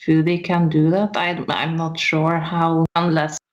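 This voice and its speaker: A woman co-hosts a casual reaction stream, speaking slowly and somewhat low. She talks haltingly, full of fillers. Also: little pitch movement, highs cut off.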